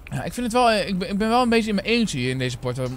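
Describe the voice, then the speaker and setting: A man's voice: high-pitched, big pitch swings, racing, a little hiss or hum. A young man in his twenties with a Netherlands Dutch accent, chatting casually and swearing as he streams a roleplay game to viewers. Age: 20s. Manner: chatty, slangy, swears often, talks to viewers.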